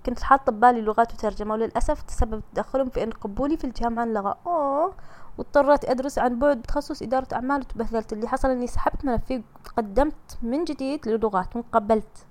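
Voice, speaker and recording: A young woman with a Saudi Gulf accent hosts a casual solo podcast from a home mic. She talks very fast in a slightly high voice. Her manner is chatty, teasing and comforting. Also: darkish tone. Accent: Saudi Gulf Arabic. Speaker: podcast host reading listener messages.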